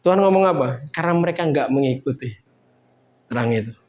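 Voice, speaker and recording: A man's voice: fairly high pitch, lively intonation, quick pace, darkish tone. A man preaching a sermon in a casual, conversational way, building up to emphatic points. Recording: dull lo-fi sound.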